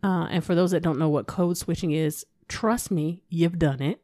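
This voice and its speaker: Low mellow-voiced woman co-hosting a podcast. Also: normal speed, no echo. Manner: relaxed, conversational, laughs often. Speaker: podcast co-host, psychologist. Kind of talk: casual podcast discussion.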